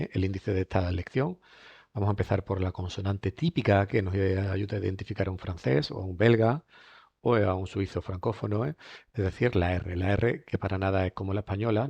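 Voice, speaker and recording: A man's voice: low voice, gravelly, darkish tone, slightly rough, no room sound, lo-fi sound. A man teaching a French lesson in a chatty way, often asking rhetorical questions. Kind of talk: recorded lesson.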